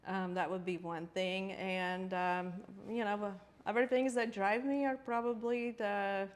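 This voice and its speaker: Woman guest, measured and reflective, quick to laugh, mid-pitched voice. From Latvia. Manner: thoughtful, searching for words, laughs often. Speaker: interior designer guest. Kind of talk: podcast interview.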